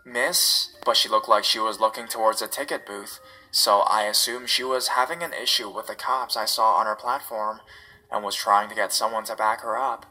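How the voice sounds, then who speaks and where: Male horror narrator, bright tone, steady measured read, faint music underneath. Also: on the low side, low-quality recording. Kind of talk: scripted first-person story narration.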